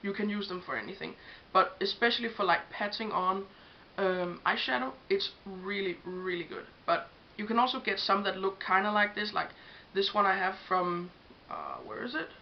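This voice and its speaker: At normal speed and with few pauses, a young Danish woman in a mid-range voice talks through her makeup brushes in a casual tutorial. Speaking English as a non-native, she's chatty yet hesitant, peppered with ums, in a dull lo-fi home recording carrying faint hiss.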